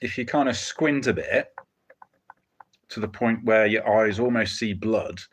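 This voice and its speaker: Male streamer, fairly low voice, casual commentary, dry humour, hesitant rambling delivery. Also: a little slow, slight background noise. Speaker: livestream host commenting on a car auction.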